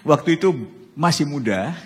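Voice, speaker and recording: Lively sixty-something preacher in an echoey hall. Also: male voice, fairly high pitch, normal speed. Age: 60s. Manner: animated preaching, often ending phrases with "saudara". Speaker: pastor. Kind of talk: sermon. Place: church hall with live congregation.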